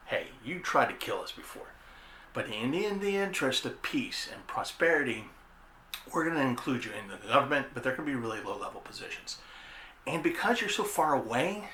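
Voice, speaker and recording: This man hosts an anime history show, an informal explainer he delivers conversationally while repeating phrases for emphasis. His medium-pitched voice is bright and forceful, and the recording has a roomy echo with faint background noise.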